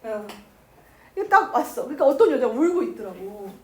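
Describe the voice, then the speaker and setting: A woman teacher giving a chatty literature lecture, acting out the characters' lines in quick asides. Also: on the high side, big pitch swings, mellow. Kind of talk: lively lecture retelling a classic novel.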